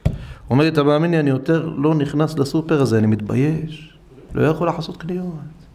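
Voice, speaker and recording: A rabbi preaches to his congregation in a synagogue, telling stories with lively acted dialogue and turning to ask his listeners questions. His man's voice sits a little high and has a gravelly edge. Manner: animated, acts out dialogue, addresses listeners directly. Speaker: rabbi giving a lesson. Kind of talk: storytelling sermon to a congregation. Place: synagogue hall, live-streamed.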